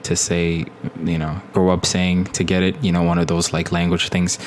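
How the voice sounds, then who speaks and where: A man's voice: low-pitched, flat delivery, normal speed, slight background noise. A young man from Ethiopia chatting casually on a live stream, rambling with many fillers and restarts.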